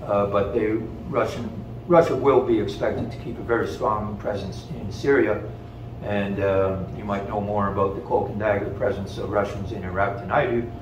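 An older man, a guest speaker answering audience questions in a measured, hesitant way with many fillers, recorded from the audience in a wood-panelled room. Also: on the low side, fairly even intonation. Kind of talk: lecture Q&A. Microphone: far camera in the audience. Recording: echoey room from far off, noisy.

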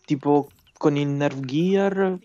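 A man's voice: on the high side, takes it slowly, dark tone, dry recording. An Italian man, a friend of the streamer, chatting casually with a laid-back manner and short answers. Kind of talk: casual chat. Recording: dull lo-fi sound.

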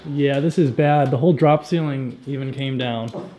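An urban explorer hosts a vlog, wandering through a decaying abandoned building and voicing his awe at what he discovers. His medium-pitched voice has a warm tone and moderate pace, with slight background noise.

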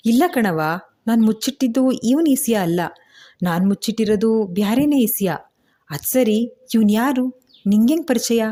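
A woman's voice: fairly high pitch, lively intonation, normal speed, warm tone, pitched above the performer's own voice. A woman voicing a young village man, an eager devoted son, who speaks in rustic village dialect. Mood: puzzled.

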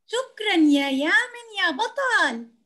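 A woman's voice: extremely high pitch, very animated, pushed and bright. A woman teaching young children to read in an online class, speaking patiently and encouragingly. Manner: patient, encouraging, slow and clear. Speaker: kindergarten teacher. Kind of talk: online reading lesson.

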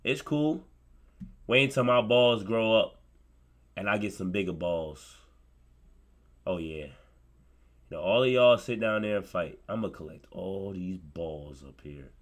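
A man in his twenties livestreams a game, cracking crude jokes and talking with his chat in a casual way. His voice sits low, and he speaks unhurriedly with frequent pauses.

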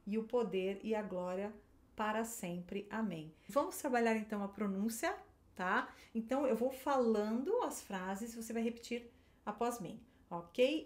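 A Brazilian woman teaches a pronunciation lesson at a deliberately slow pace. She models each phrase clearly so it can be repeated. She keeps checking in with her listeners between phrases. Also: mid-range voice, darkish tone. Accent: Brazilian Portuguese. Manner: frequent checking tags like ok and tá. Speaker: English teacher.

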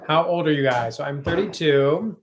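A man's voice: fairly high pitch, moderate pace, a little hiss or hum. Co-host, man, 30s, chatty livestream talker reading comments, webcam in a kitchen. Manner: chatty, reads viewer comments aloud. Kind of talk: casual livestream chat. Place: home kitchen, indoors.

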